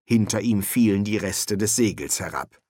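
A man reading a comic fantasy novel aloud in measured, dry storytelling. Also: on the low side, lively intonation, a little mellow, no echo. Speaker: audiobook narrator. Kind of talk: scripted narration.

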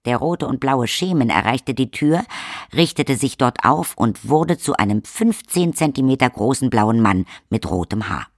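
A man reading the narration of a fantasy audiobook in a measured storytelling manner. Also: mid-range voice, expressive, dry recording, studio quality. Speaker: audiobook reader. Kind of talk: scripted narration.

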